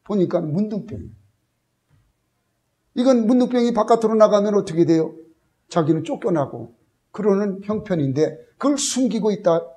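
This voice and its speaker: Middle-aged pastor guy preaching, kinda high voice, tells the story and does the lines of the people in it. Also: darkish tone. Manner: storytelling, acting out quoted voices. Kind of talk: sermon.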